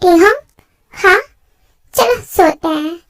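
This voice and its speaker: A woman voicing a gentle young husband who speaks softly and coaxingly. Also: very high voice, slow pace, full character voice.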